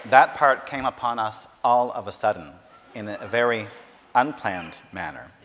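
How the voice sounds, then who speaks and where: A man interpreting a talk consecutively, in steady and careful formal phrasing. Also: mid-range voice, measured pace. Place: large university lecture hall. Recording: long hall reverb.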